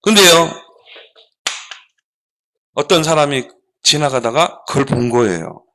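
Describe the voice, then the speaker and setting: A man preaching a children's sermon, animated and asking the children rhetorical questions. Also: on the high side, slow pace. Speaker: pastor.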